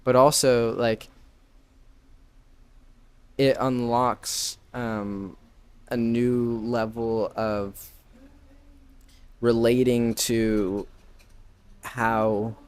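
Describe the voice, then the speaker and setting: A man's voice: mid-range voice, flat delivery, very slow, long pauses, a little mellow, clear, resonant tone. A man in his twenties, a podcast guest who runs a branding business, speaking in a casual conversational way that is full of "like" and "right?". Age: 20s. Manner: filler-heavy, frequent "like" and "right?" tags.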